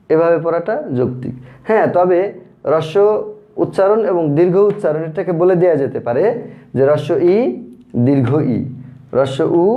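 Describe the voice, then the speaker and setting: Guy teaching grammar, slightly high voice, keeps repeating stuff and asking questions back. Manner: patient, repeats terms and asks rhetorical questions. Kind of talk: grammar lesson. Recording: thin phone-like audio.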